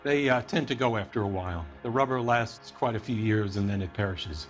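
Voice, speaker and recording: A man's voice: on the low side, a little fast, highs cut off, faint music behind, natural voice. A man playing an evasive, defensive 1940s business boss in a video game, hedging as he answers. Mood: matter-of-fact. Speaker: heater company manager.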